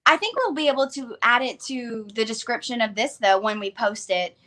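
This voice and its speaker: A woman in her thirties speaks in a fairly high voice with an Arkansas Southern twang. She is chatty and enthusiastic, talking casually as a co-host on a live stream. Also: normal speed, sharp tone. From Arkansas, United States. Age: 30s. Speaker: online book channel co-host.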